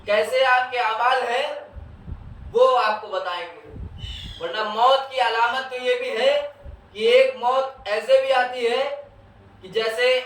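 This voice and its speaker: A man with a North Indian Urdu accent gives a majlis sermon in a strikingly high voice. He asks his listeners questions and answers them himself, and tells stories through quoted exchanges. He is heard from some distance in a large, echoing hall. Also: long pauses, fairly bright tone. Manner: tells stories with quoted back-and-forth dialogue. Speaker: zakir, religious speaker at a mourning gathering. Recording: echoey hall, voice heard from far.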